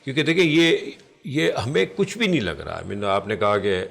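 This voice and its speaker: A man's voice: medium pitch, big pitch swings, vocal fry, fairly bright tone. Pakistani male talk show host. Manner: conversational, mixes English phrases, advises viewers earnestly. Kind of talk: TV health talk show interview. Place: TV studio.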